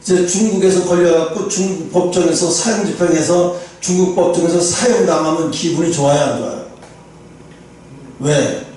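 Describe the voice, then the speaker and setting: A male pastor giving a sermon, telling a personal story in a lively way and acting out quoted lines. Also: a little high, fairly quick, few pauses. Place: church sanctuary. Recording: roomy hall from a distance, faint ambience.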